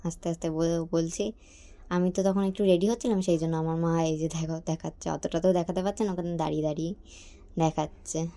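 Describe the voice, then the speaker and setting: A young woman from chats straight to her viewers as a casual vlogger. Her voice sits a little low and flat, with a mellow, dark tone. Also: a little fast. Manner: chatty, talks straight to viewers. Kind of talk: casual vlog narration.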